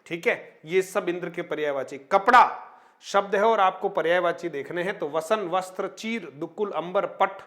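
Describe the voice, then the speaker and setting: A man's voice: high-pitched, moderate pace, fairly bright tone. A man teaching an exam-prep Hindi grammar lesson, rattling off lists of synonyms and stopping to flag the new words and their spellings. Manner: addresses viewers as friends, frequent tag questions.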